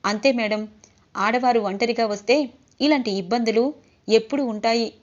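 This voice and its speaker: A woman voices the lines of a kind young male auto driver, polite and reassuring, who addresses her as madam. Her voice is fairly high and natural, with a moderate pace, and the audio is slightly dull and lo-fi.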